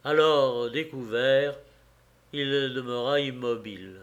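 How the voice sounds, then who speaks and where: A man reading a novel aloud as an audiobook narrator, in a slow, measured way. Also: medium pitch, animated. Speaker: audiobook reader.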